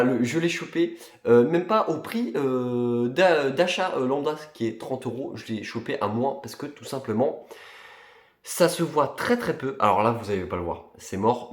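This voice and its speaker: Chatty young man in an echoey room. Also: medium pitch. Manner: casual, many fillers and restarts. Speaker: collector vlogger. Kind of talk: casual chat.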